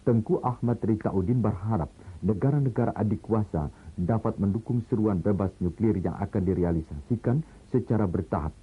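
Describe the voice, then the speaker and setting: A man reading the news in a measured, formal way, heard through an old lo-fi broadcast recording like an old newsreel. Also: on the low side, breathy edge. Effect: old lo-fi broadcast sound, like an old newsreel. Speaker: news anchor. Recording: tinny, narrow-band old broadcast recording.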